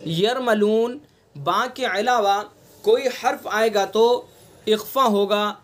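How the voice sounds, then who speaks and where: A man with a Delhi Urdu accent leads an online class on Quran recitation. His voice sits high and he moves at a slow, deliberate pace. He repeats each example patiently, drawing the nasal sounds out long. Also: fairly bright tone. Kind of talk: online tajweed lesson. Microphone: online class recording.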